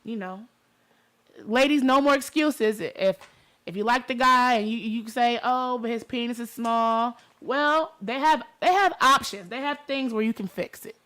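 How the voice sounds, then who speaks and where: A woman's voice: a little high, unhurried, fairly bright tone. A woman with a Detroit accent hosting a talk show in an informal, conversational way, speaking straight to her listeners. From Detroit, United States. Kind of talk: casual talk show chat.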